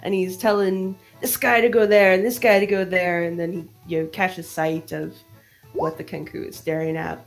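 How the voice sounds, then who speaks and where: A woman's voice: fairly low pitch, little pitch movement, normal speed, creaky, faint music behind. A woman narrating a tabletop role-playing game as game master, in casual, descriptive speech.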